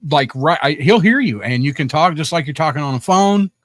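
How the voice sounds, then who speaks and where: A man's voice: a little high, lively intonation, fairly quick, no room sound. Dry-sounding rambling male stream host. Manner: rambling, jokey, self-deprecating. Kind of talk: casual live stream chat.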